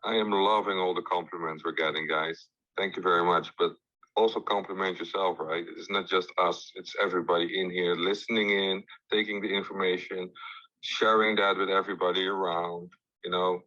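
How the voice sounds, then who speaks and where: A man's voice: low-pitched, steady tone, fairly quick, bright, forceful tone, muffled recording. A man hosting a live audio chat, upbeat and encouraging, calling on speakers. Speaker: host.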